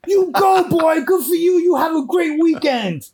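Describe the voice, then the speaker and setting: Man doing a loud, cheering young Brooklyn woman. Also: very high voice, lively intonation, unhurried, voice pushed up, full character voice. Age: 20s. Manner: loud, enthusiastic, emphatic.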